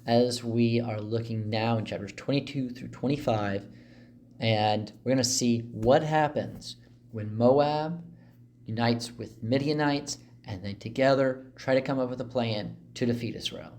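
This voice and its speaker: A man's voice: medium pitch, measured pace, darkish tone, slight background noise. Man teaching the Bible, casual asides. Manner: conversational, explains with asides and fillers.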